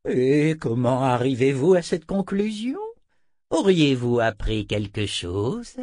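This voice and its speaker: A man reading a French audiobook, voicing a sly, theatrical male wizard who speaks slowly and deliberately with mock sincerity. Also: mid-range voice, very animated, a little mellow, no room sound, studio quality. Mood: slow, smug.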